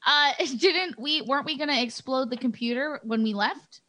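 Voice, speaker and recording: A woman's voice: high voice, moderate pace, bright, forceful tone. A woman playing a tabletop role-playing game, talking animatedly and laughing often. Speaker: player. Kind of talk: casual tabletop play.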